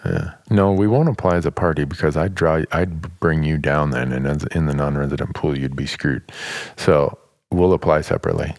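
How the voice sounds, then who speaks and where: A man in his fifties, a podcast co-host from Montana, explaining things in a relaxed, matter-of-fact way in casual chat. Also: very deep voice, normal speed, gravelly, no echo, clean studio sound. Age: 50s.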